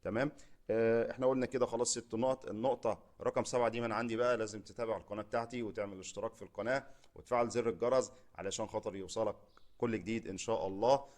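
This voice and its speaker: A man's voice: on the low side, steady tone, rapid-fire, darkish tone. A man with an Egyptian Arabic accent giving a casual spoken English lesson, chatty and direct with viewers, checking in again and again. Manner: chatty, repeats "تمام؟" often, direct address to viewers. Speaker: English teacher, channel host.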